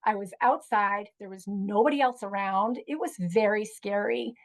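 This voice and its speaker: A woman's voice: medium pitch, normal speed, poor audio. Chatty woman telling a story. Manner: chatty, frequent ums and you-knows, laughs while telling. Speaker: guest educator. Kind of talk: conversational storytelling.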